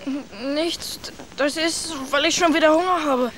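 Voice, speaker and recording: A woman's voice: high-pitched, measured pace, a bit bright, a little hiss or hum. An actress playing the young boy Hänsel in a radio play, frightened and hungry, stammering and pleading.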